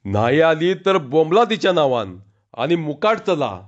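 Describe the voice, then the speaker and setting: A man voicing a cranky village contractor who scolds in rough rustic speech, on a dull lo-fi recording. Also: a little high, sing-song, a little slow. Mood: irritable, scolding. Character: angry rustic male wrestling-bout contractor.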